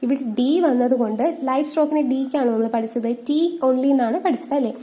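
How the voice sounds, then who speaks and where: A woman's voice: sits high, fairly even intonation, warm tone. A woman teaching shorthand, asking questions and answering them herself. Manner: asks questions and answers them herself, reads rules slowly. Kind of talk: explanatory lesson.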